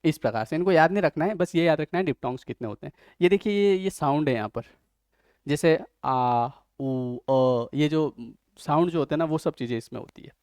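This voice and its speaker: A man's voice: on the high side, lively intonation, fast, few pauses, a little mellow, dry recording, studio quality. A man with an Indian accent teaching an online exam-prep lesson. He explains step by step and keeps checking whether his students follow.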